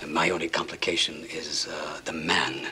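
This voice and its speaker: An actor playing a menacing Brazilian police inspector, formal, deliberate and deadpan. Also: male voice, rumbling low, heavily acted. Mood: dry menace. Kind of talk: 1980s TV action drama dialogue. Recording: TV soundtrack with music.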